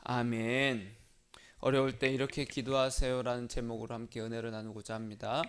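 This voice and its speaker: A middle-aged Korean man preaching a sermon as pastor, telling a personal story earnestly and often dropping to a soft, quiet voice. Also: mid-range voice, flat delivery, normal speed, clean tone. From South Korea.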